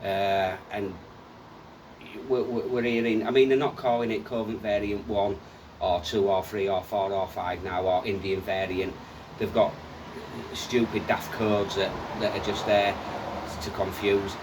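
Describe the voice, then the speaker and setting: A man's voice: lowish voice, little pitch movement, a little slow, recorded from a distance, background noise. A man chatting casually with a colleague, rambling and repeating himself as he rants. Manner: rambling, repeats words, ranting. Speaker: co-host. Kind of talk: casual chat.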